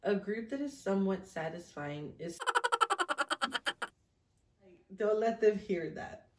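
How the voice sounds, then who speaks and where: This woman in her thirties has a mellow, mid-range voice and talks at a moderate pace. As a vlog host, she mixes casual chat with self-deprecating storytelling while reading old journal entries at a table in a small, echoey room.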